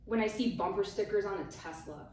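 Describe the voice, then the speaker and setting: A woman co-hosting a casual podcast, musing aloud and trailing off softly. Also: mid-range voice, fairly quick. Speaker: podcast co-host. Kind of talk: casual chat. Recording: very echoey, distant mic, faint hiss.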